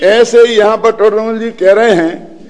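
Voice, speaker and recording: A man's voice: high voice, fairly even intonation, normal speed, darkish tone, smooth, big-room sound. An older Indian man giving a spiritual discourse, telling a true story and often checking that his listeners follow. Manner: storytelling, often asks the audience if they follow. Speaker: religious teacher.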